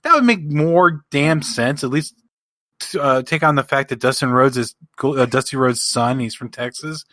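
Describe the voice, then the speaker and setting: Animated ranting man on a podcast. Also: medium pitch, moderate pace, dry recording. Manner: animated, exasperated ranting with swearing. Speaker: podcast co-host. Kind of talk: casual podcast chat.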